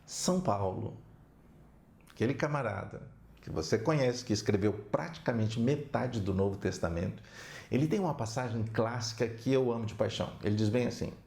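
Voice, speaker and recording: A man giving an animated storytelling talk as a counselor, often tagging his lines with "né?". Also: mid-range voice, brisk, vocal fry. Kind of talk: storytelling talk with religious examples. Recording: roomy echo.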